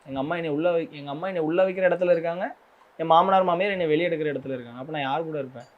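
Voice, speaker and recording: A man's voice: a little high, narrow, tinny audio. A young man, an interview guest, speaking earnestly and with hurt about his family and his in-laws. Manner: earnest, hurt, rapid talk. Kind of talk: emotional interview.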